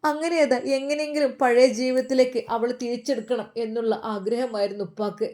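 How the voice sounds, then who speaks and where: A woman with a Malabar Malayalam accent narrating an emotional story in an earnest, heartfelt way. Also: a little high.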